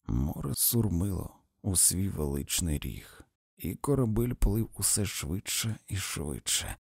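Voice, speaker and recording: A man narrating a literary short story as an audiobook reader, slow and expressive. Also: fairly low pitch, vocal fry, breathy edge, no echo, studio quality.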